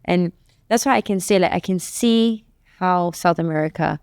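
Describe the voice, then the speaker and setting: A chatty woman with a smooth, clear voice, recorded dry and close. She talks in a relaxed panel chat, telling stories lively and acting out whole conversations. Her voice sits a little low for a woman. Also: normal speed, dry recording. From Malaysia. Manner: chatty, animated storyteller, acts out quoted exchanges. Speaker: guest, youth entrepreneurship advocate.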